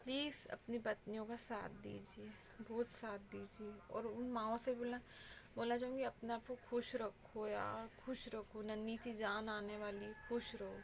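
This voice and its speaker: A woman's voice: on the high side, flat delivery, measured pace, vocal fry. Earnest pleading woman vlogger. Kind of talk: heartfelt advice talk.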